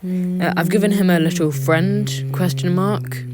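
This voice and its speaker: A woman's voice: fairly low pitch, lively intonation, unhurried, over loud music. A woman with a sore throat giving casual, chatty, joking commentary as she narrates her own drawing video. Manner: joking, self-deprecating asides.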